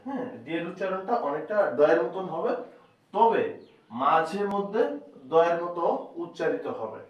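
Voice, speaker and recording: Male tutor, slow and patient, repeats himself, distant lo-fi echoey recording. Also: on the high side. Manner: slow, repeats each point several times. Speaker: teacher. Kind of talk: spoken lesson on reading letters. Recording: echoey, distant, dull lo-fi room sound.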